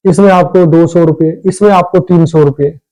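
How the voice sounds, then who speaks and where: Male host for a tips video: rushed, repetitive, chatty delivery, warm dark tone. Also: a little high, steady tone, low-quality recording. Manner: rapid, repetitive, addresses viewers as brother. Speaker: business ideas channel host. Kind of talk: casual advice talk to camera.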